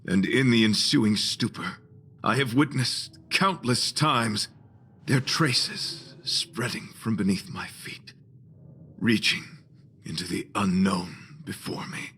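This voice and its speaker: A man with a lowish voice speaks slowly in a bright, forceful, exaggerated manner over slight background noise. He is an actor voicing a chivalrous young knight devoted to beauty, delivering formal, flowery, solemn video game dialogue.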